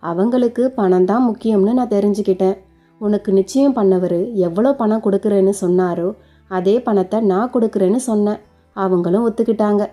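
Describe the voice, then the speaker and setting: A woman's voice: mid-range voice, brisk, warm tone, soft background music, lightly acted. A woman voicing a devoted young man who earnestly reassures his new bride in a spoken story. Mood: reassuring. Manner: earnest, reassuring, explains at length.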